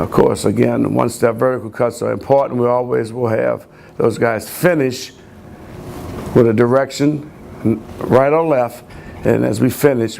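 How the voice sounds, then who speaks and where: A man's voice: medium pitch, gravelly, a little mellow, slight background noise. A man coaching running backs, explaining drills step by step in a plain, repetitive way. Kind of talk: coaching instruction.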